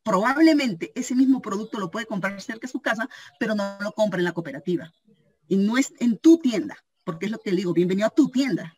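A woman giving an informal training talk on a video call, telling lively anecdotes and acting out the voices of the people in them. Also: mid-range voice, a little fast. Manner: animated storytelling, acting out quoted voices, frequent "¿sí?" check-ins. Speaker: cooperative store member giving a training talk.

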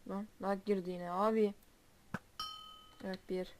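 A woman's voice: mid-range voice, level tone, measured pace. A woman commenting on her own gameplay, grumbling and exclaiming in frustration. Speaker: gamer. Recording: noisy home mic with keyboard clicks. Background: keyboard clicks.

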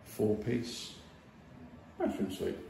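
His voice is lowish, gravelly and warm, swinging widely in pitch as he draws out his words. The man, a property investor, casually walks through an empty house for a video, speaking with many fillers and restarts into a phone at arm's length, with slight background noise.

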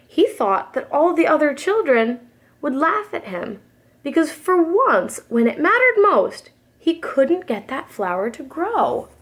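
A young adult woman reads a children's picture book aloud, expressive and careful in the manner of a preschool teacher. Her voice is high and a little slow.

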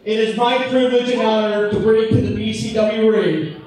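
A middle-aged man announcing live at a wrestling show, booming and drawing out words like a boxing ring announcer. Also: steady tone, normal speed, a little mellow. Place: indoor wrestling event hall. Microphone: handheld mic, heard over PA. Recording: echoey hall, distant PA sound.

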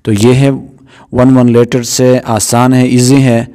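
A man's voice: flat delivery, mellow. A man teaching Quran reading, explaining Arabic letters step by step, mixing English words into his instruction and often checking in with "theek hai". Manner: chants the letters in a high, drawn-out recitation voice. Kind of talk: Urdu lesson on Arabic letters.

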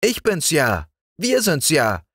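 A man's voice: a little high, slow pace, dry recording, clean studio sound, voice pushed up, full character voice. A man voicing a brave, cheerful little village girl in a storybook reading. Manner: bright, lively, eager child voice.

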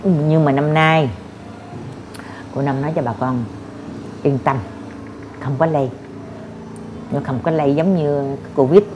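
A woman speaks in a fairly low voice. She is a spiritual adviser in a casual talk, reassuring and repeating herself in a homely way, with faint background noise. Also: fairly even intonation, unhurried, pauses often, muffled recording.

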